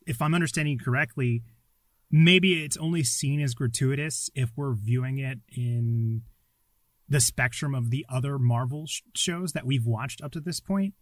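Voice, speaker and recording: A man's voice: medium pitch, moderate pace, no echo. A man co-hosting a casual podcast, chatting informally from a small closet. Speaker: podcast co-host.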